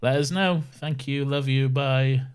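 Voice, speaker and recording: A young man, a podcast co-host, leaves a casual, slightly sheepish voicemail on a phone call and stops often with halting fillers. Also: mid-range voice, steady tone, clean tone. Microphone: podcast microphone.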